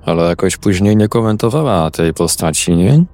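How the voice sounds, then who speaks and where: A male host interviewing a guest in a measured, slightly hesitant way, with drawn-out fillers between his phrases. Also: low-pitched, lively intonation, a little mellow, no echo.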